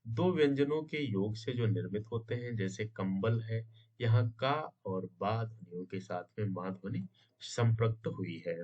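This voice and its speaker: A man's voice: on the low side, unhurried, darkish tone. A man teaching an exam-prep grammar lesson, asking himself questions and answering them, often checking in with his students. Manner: checks in with "है ना?" and "समझे?". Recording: dull lo-fi sound.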